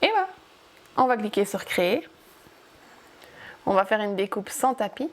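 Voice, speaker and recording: A woman's voice: medium pitch, big pitch swings, normal speed. A woman hosting a casual crafting tutorial, chatty and upbeat as she guides viewers step by step. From France.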